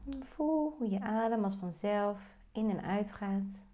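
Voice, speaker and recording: A woman guiding a meditation, giving slow, calm, soft-spoken instructions. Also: medium pitch. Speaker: meditation guide. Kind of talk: guided meditation.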